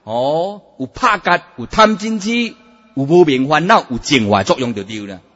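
A man preaching a Buddhist sermon, emphatic and animated, drawing out his sentence-end particles. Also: a little high, moderate pace. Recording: dull, echoey hall sound.

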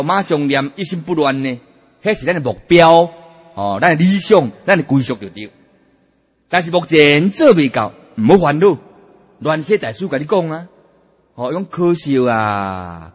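A man preaching a Buddhist sermon, emphatic and animated, drawing out his sentence-end particles. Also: a little high, husky. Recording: dull, echoey hall sound.

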